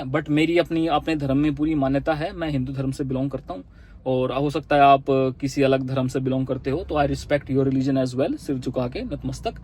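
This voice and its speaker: A young man giving earnest, big-brotherly relationship advice in a casual talk to the camera, acting out little dialogues as he goes. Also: fairly high pitch.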